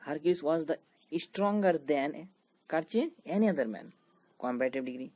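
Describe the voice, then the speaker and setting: Mellow, fairly high-voiced male teacher. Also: animated, slow pace. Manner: explanatory, asks and answers his own questions. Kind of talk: grammar lesson.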